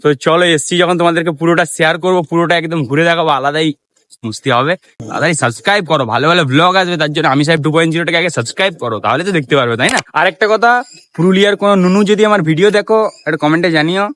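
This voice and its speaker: A young man from West Bengal with a fairly high voice talks in rapid-fire bursts, with a little hiss or hum on the audio. He's a travel vlogger chatting casually at a train station and aboard a train, filmed on a handheld camera, and he keeps asking "ঠিক আছে?" ("right?"). When he's alone, he talks softly.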